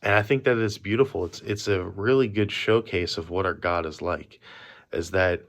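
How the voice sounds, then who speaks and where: A man with a deep, low voice leads a youth group through a relaxed devotional talk. He speaks from memory in an easy, conversational way. The talk is recorded on a phone at a quiet workplace. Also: normal speed.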